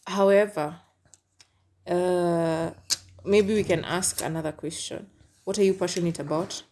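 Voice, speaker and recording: A woman's voice: on the low side, steady tone, unhurried, warm tone, slight background noise. A woman co-hosting a podcast, asking questions in an easygoing, teasing casual chat. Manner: easygoing, asks questions, teases back. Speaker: podcast co-host.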